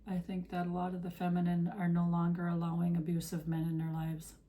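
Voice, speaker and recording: A woman tarot reader speaks straight to her audience in a heartfelt, preachy monologue. Her voice is mellow and warm, and it sounds a little worn, as if she is losing it. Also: fairly low pitch, monotone, a little fast. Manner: earnest, preachy, direct address. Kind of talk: spiritual encouragement monologue.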